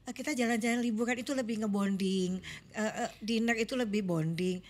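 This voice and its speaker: Chatty middle-aged woman, fairly high voice. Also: fairly quick, darkish tone. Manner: chatty, laughs easily, storytelling. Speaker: marriage mentor, podcast guest. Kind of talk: casual podcast conversation.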